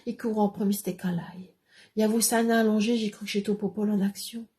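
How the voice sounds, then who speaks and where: A woman's voice: medium pitch, fairly even intonation, a little fast, mellow, close to an everyday voice. A woman playing a chatty, gossiping village woman in a rambling comic monologue that keeps dropping into confiding whispers. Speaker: comic segment character.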